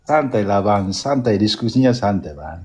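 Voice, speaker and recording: A man's voice: lowish voice, lively intonation, normal speed, a little mellow, breathy edge. Pleading man repeating himself. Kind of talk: live debate. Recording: faint background noise.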